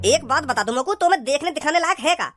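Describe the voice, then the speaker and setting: A woman's voice: high-pitched, expressive, fast, over music. A woman voicing a rude young man who mocks and insults in a dismissive way. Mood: mocking.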